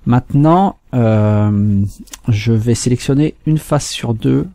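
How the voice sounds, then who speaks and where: A man from France hosting a screen-recorded software tutorial, walking through steps calmly with fillers and restarts. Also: mid-range voice, vocal fry, no room sound. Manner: unhurried, step-by-step with fillers and restarts. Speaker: tutorial host.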